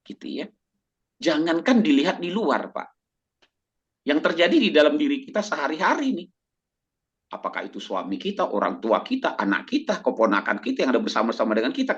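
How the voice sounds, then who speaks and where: Pastor guy preaching, pitch jumps all over, keeps checking in with the crowd, kinda dull lo-fi audio. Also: slightly rough. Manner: animated, exhorting, acts out little dialogues; often ends points with a tag question to the listeners. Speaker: pastor and doctor, guest speaker. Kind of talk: preaching talk to a congregation.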